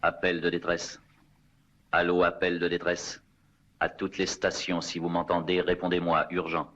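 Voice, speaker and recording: An actor playing a resolute conspirator in a dubbed 1960s TV drama, speaking in a terse, deliberate way. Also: male voice, low-pitched, completely flat delivery, a bit bright. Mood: urgent. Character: resolute male conspirator sending an urgent fake distress call. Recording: dull, hissy old TV soundtrack.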